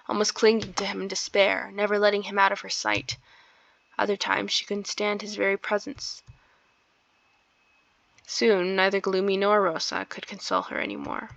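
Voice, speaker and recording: This let's play host is a woman whose medium-pitched voice sounds gravelly, with a sharp tone, on a dry recording. She chats and giggles through casual game commentary with informal asides, reading some narration aloud. The mic is dull and lo-fi, with game music behind her.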